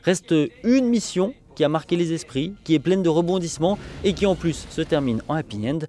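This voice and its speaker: A man's voice: on the high side, animated, fairly quick, dark tone. Man narrating, didactic and wry. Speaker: narrator of a film essay. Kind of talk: scripted narration, film analysis.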